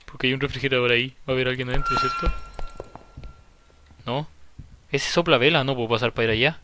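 A man's voice: medium pitch, steady tone, fast talker, sharp tone, slight background noise. A young Chilean man streaming a horror game live, nervous and swearing, repeating lines when scared. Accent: Chilean Spanish. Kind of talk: live horror gameplay commentary.

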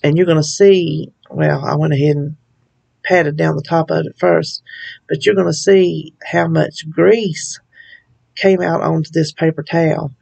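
Woman with a really gravelly fry-heavy voice, chatty home cook walking thru a recipe, laughs a lot. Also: low-pitched, fairly even intonation, measured pace, a little mellow, lo-fi sound. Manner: chatty, laughs often, folksy asides. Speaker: cooking channel host. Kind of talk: casual recipe walkthrough.

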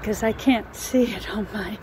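An older woman vlogging casually while walking down a residential street, a little out of breath, chatting slowly and musing about what she sees. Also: medium pitch. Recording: outdoor noise and passing cars.

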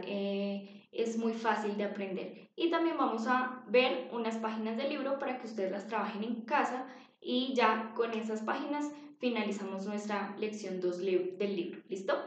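Slow, patient teacher woman. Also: medium pitch. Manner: slow, patient, repeats words for children to copy. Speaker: English teacher. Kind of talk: recorded online lesson for young children. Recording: dull, echoey home recording.

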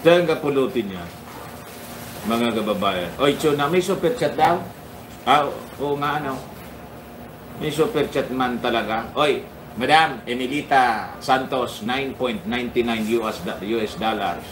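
Slow-talking man in an echoey room. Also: medium pitch, recorded from a distance, background noise. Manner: chuckles often, greets viewers by name. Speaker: political commentary livestream host. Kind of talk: casual livestream commentary.

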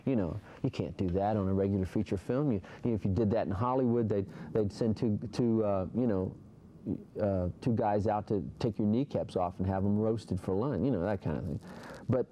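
Dark-voiced young man rambling animatedly. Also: fairly low pitch, a little fast, a little hiss or hum. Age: young adult. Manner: animated, rambling, full of fillers. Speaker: interviewee. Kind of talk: casual interview. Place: indoor room.

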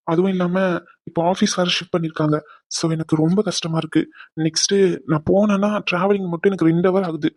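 A man voicing an apologetic young husband in a cartoon drama, talking gently and coaxing. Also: high voice, no echo.

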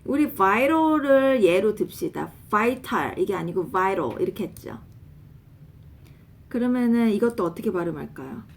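A woman casually coaching pronunciation, drilling words slowly and spelling them out letter by letter. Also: mid-range voice, vocal fry. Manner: animated, laughs often. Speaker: English pronunciation teacher, nurse.

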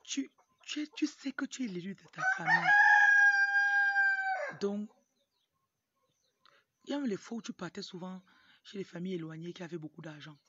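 A young woman with a lowish voice talks to camera at a normal speed, pausing often. Her accent is Cameroonian French; she comes from Cameroon but grew up in Tonga, and she works as a motivational speaker and livestream host. This informal motivational talk, full of asides, was recorded outdoors in a yard on a phone held at arm's length, so it's muffled and noisy, with a rooster crowing among the background noise.

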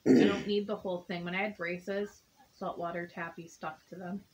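A woman's voice: fairly low pitch, flat delivery, moderate pace, darkish tone, rough recording. A woman on a living room couch, trying snacks from a box and giving blunt, joking verdicts. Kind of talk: casual taste-test chat.

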